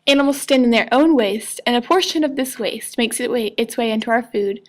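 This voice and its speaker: Higher-voiced woman presenting an infomercial. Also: brisk. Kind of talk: scripted infomercial narration.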